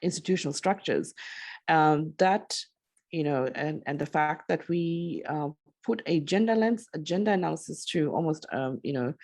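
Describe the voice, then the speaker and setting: A woman with a notably low voice moderates an online advocacy panel. She talks hesitantly, filling her sentences with "um" and "you know", and sounds middle-aged. She comes through a video call. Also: moderate pace, a little mellow. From Fiji. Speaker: moderator and women's rights advocate.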